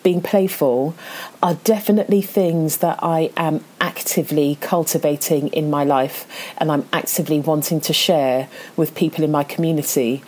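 Female podcast host, encouraging, slightly low voice. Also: fairly even intonation, normal speed. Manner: warm, enthusiastic, encouraging. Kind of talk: podcast interview.

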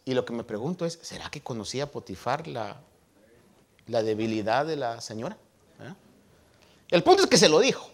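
A man's voice: medium pitch, big pitch swings, moderate pace, pauses often. A man preaching a humorous, folksy sermon, retelling a scripture story with frequent tag questions and a few English words mixed into his Spanish.

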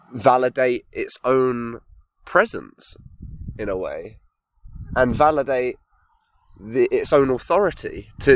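Slow, reflective man. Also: mid-range voice, no room sound. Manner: slow, thoughtful, pausing to find words. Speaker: podcast host. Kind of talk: reflective solo monologue.

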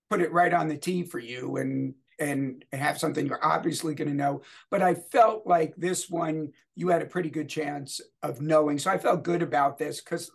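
A middle-aged man with a New York accent hosts a quiz segment within casual podcast chat, speaking deliberately and discursively. His voice is a little high, gravelly and husky.

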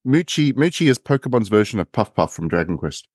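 Deadpan guy on a podcast, casual banter, slightly low voice, dry recording. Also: fairly quick, no room sound. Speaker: podcast panellist.

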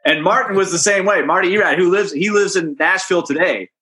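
A man's voice: high voice, quick pace. A man, a hockey radio broadcaster, telling a story as a guest on a casual podcast. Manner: chatty, animated storyteller.

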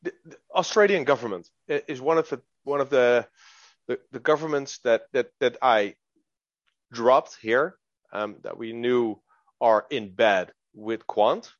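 A man's voice: mid-range voice, measured pace, dry recording. A man co-hosting a casual crypto podcast, stumbling over repeated words and restarts, at times reading a news article aloud. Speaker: co-host. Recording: dull lo-fi sound.

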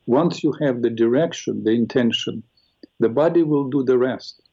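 A man's voice: mid-range voice, normal speed, mellow, husky. A man hosting a live call-in, instructively guiding a visualization exercise and often repeating his phrases. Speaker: host guiding a caller through an imagery exercise. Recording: dull lo-fi call audio.

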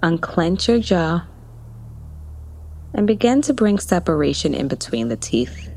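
A woman leading a guided body-relaxation meditation, speaking in soft, soothing instructions with long pauses. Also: on the low side, very animated, breathy edge.

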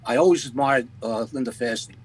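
A man hosting an interview, telling a story in a halting way with restarts. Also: mid-range voice, slightly rough, low-quality recording. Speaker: podcast host. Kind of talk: conversational storytelling.

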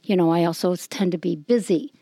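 A woman tells her personal story candidly to a faith discussion group, pausing on ums. Her voice sits low and has a gravelly edge. The recording is dry. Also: mellow, no room sound.

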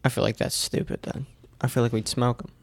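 A man's voice: mid-range voice, flat delivery, a little fast, vocal fry. A man in a casual podcast chat, skeptical and pushing back on the others.

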